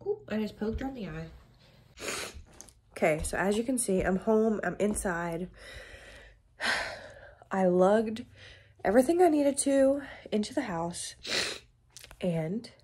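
Slow and expressive, with long pauses, a darkish tone and a breathy edge, this mid-range female voice belongs to a young vlogger in her twenties with a cold-blocked nose. She chats casually with lots of fillers, filming her day on a phone held out at arm's length, in a car and then at home.

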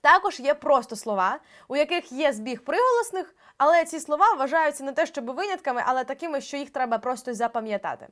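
A young woman teacher giving an exam-prep grammar lesson, explaining step by step and drawing out example words slowly. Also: high-pitched. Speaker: Ukrainian language teacher.

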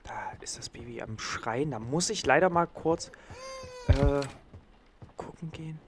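A man's voice: fairly high pitch, measured pace, noisy background. A man giving casual let's play commentary, talking to a game baby in a teasing, playful way and sometimes dropping into a whisper.

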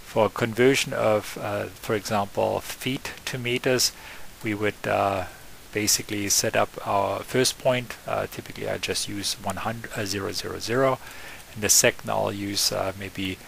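A man giving an unscripted, step-by-step software tutorial, often pausing with fillers and correcting himself. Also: lowish voice, fairly even intonation, gravelly, a little hiss or hum, poor audio. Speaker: software trainer. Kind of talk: screen-recorded software tutorial.

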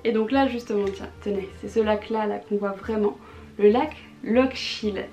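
A woman's voice: mid-range voice, steady tone, normal speed, warm tone, soft background music. A woman chatting enthusiastically in a casual haul vlog, with lots of fillers and restarts. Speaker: vlogger showing purchases.

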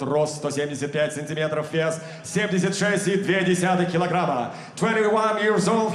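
A man working as an arena announcer, introducing fighters with booming, drawn-out calls in an echoing venue. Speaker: ring announcer. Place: large sports arena. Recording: echoey arena PA sound.

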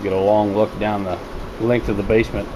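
Speaking from behind a handheld camera, a man who grows hydroponics at home gives an offhand, unscripted walkthrough of a cramped basement room at a fairly quick clip. He sounds understated and plain. A loud, constant hum and running water fill the rough-sounding recording.

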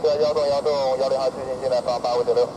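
A man's voice: mid-range voice, steady tone, racing. A male airline pilot giving terse, clipped radio calls to air traffic control through a cockpit headset. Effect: talking through a cockpit headset. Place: aircraft cockpit during approach. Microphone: headset mic.

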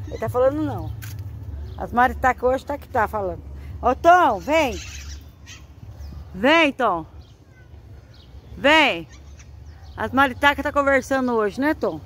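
A woman's voice: sits high, lively intonation, measured pace, long pauses, a bit bright. A Brazilian woman filming herself outdoors, chatting to viewers and coaxing her pets in a raised sing-song voice. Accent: Brazilian Portuguese. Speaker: vlogger walking her dogs. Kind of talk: casual vlog chat to pets and viewers. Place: outdoors in a garden at dusk.

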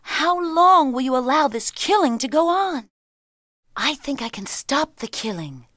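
A woman's voice: on the high side, expressive, unhurried, no echo, clean studio sound. A woman voicing a clever, brave young woman in a storybook reading, speaking up earnestly and with resolve. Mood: pleading. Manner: earnest, pleading, raised voice.

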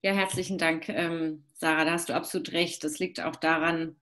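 A woman moderating a webinar over a video call, her voice a little low for a woman. She talks briskly, agrees readily with panelists and lifts her voice when stressing a point. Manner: affirming, brisk, animated emphasis.

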